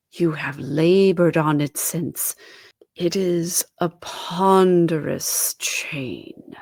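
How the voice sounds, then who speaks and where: Woman voicing slow, mournful male ghost. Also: fairly low pitch, darkish tone, no echo, studio quality. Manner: slow, drawn-out wailing delivery with breathy whispers. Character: mournful, tormented ghost of a dead businessman. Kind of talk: dramatised storybook reading.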